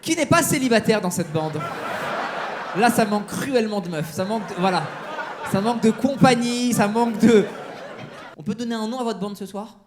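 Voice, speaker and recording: A man's voice: high voice, expressive, normal speed, noisy background. A man doing stand-up crowd work on a comedy club stage, teasing the audience with mock-outraged banter. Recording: live show with crowd laughter.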